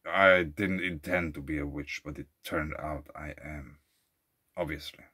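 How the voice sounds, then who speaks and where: A man's voice: extremely low pitch, fairly even intonation, measured pace, bright, forceful tone, slightly rough. A man from Switzerland vlogging outdoors by a lake, reading facts and then rambling into loose, thinking-aloud asides. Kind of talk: casual musing monologue. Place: outdoors at a lakeside beach.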